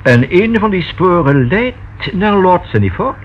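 A high-voiced man with big pitch swings acts as a discreet and proper notary in a Dutch radio play. Guarded yet polite, he speaks formally and in a measured way, choosing words precisely, and the old radio recording is dull and faintly noisy.

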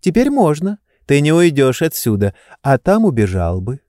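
A man's voice: on the high side, huge pitch swings, normal speed, dark tone, no room sound, clean studio sound, pitched above the performer's own voice. A man reading an audiobook, voicing a playful, teasing young woman with a capricious manner.

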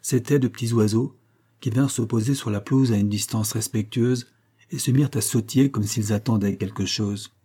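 Narrateur à la voix sombre et voilée. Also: male voice, lowish voice, steady tone, a little fast, dark tone, breathy edge. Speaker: lecteur de livre audio. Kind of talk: narration littéraire lue.

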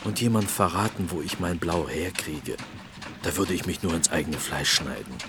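In a German radio play with background noise, an actor voices an earnest, persistent village potter who pleads insistently. His voice is low-pitched and natural, at normal speed.

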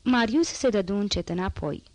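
A woman narrating a classic novel as an audiobook, in a steady, measured reading. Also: mid-range voice, dry recording.

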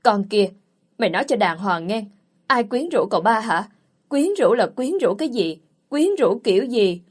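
Fiery young wife, read by a woman, sharp-tongued, quick to flare up. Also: medium pitch, animated, close to an everyday voice. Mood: furious.

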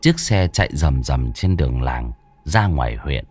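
A man's voice: very deep voice, expressive, unhurried, darkish tone, faint music behind. A man narrating a horror story in a dramatic, vivid storytelling manner.

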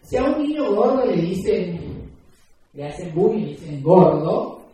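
A woman's voice: lowish voice, sing-song, measured pace, warm tone. Earnest woman in an echoey hall. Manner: earnest, emphatic, explains with examples and rhetorical questions. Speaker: speaker at a talk. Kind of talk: public talk to an audience. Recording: echoey room, distant mic.

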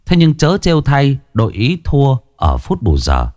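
A man narrating a ghost story in a slow, somber, dramatic way. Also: medium pitch, wildly swooping pitch, darkish tone, no room sound, clean studio sound.

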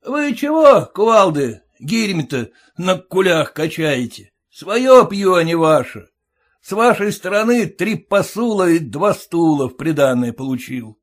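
A man's voice: high voice, sing-song, normal speed, pitched above the performer's own voice. A man voicing a sarcastic, quarrelsome young groom who mocks his new in-laws in a jeering, indignant way.

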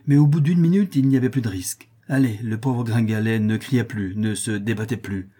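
Husky dark-voiced male narrator. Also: on the low side, a little fast. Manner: expressive storytelling. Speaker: audiobook narrator. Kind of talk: scripted audiobook narration.

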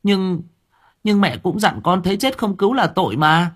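A stubborn little peasant boy speaks in a high, childlike voice, urgent and insistent, as a man reads him in an audiobook. The tone is husky, and the line rises and falls with lively movement. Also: normal speed. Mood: defiant.

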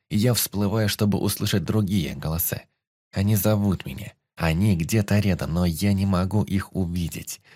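A man's voice: low-pitched, a little mellow, no echo, clean studio sound. A man giving an intense, dramatic first-person audiobook narration.

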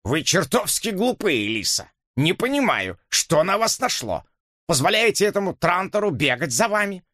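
A man doing a pompous, indignant old gentleman. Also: high-pitched, sing-song, normal speed, no room sound, studio quality, voice pushed up, heavily acted. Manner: pompous, easily offended. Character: stiff, indignant older gentleman, bony and proper.

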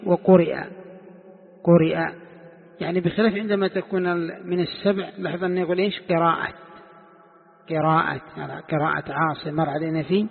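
Brief: male sheikh, lesson delivery, slightly high voice, quizzing students, echoey lo-fi hall. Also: gravelly. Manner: quizzes students and repeats key points slowly. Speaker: sheikh teaching Quran commentary. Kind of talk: classroom lesson. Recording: echoey hall, tinny phone-like sound.

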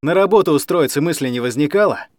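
Casting: man doing a curt, scornful tough guy, lively delivery, dry close sound. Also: a little high, fast talker, no echo, lightly acted. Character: blunt, tough young man, fed up.

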